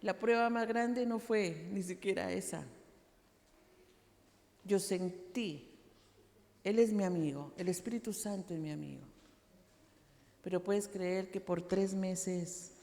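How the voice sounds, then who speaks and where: Speaking slowly and pausing often, a woman pastor with a mellow, mid-range voice shares her testimony. The sermon is dramatic and uses repeated phrases, and it was recorded in a large, echoing church hall.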